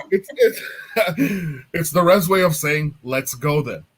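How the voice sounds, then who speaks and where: A man's voice: on the high side, husky. A man, an artist and apparel designer, chatting casually as a guest on a video call and laughing as he explains things. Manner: easygoing, laughs while explaining.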